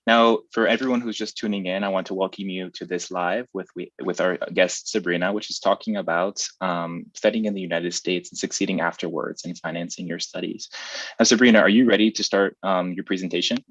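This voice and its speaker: A man's voice: sits low, steady tone, a little fast, fairly bright tone, no room sound, lo-fi sound. A young man hosting a live stream, introducing a guest and reading out announcements, with occasional small slips. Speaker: host.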